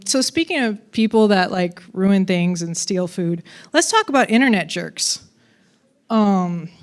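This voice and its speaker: A woman giving a conference talk on coding, casual and playful, with fillers and asides. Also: on the high side. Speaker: conference speaker.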